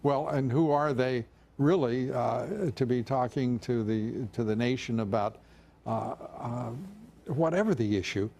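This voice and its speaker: An older male TV news host who leads a panel and pauses often with fillers. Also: mid-range voice, vocal fry, a little mellow, a little hiss or hum. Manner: hesitant with many fillers. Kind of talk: cable news anchor segment.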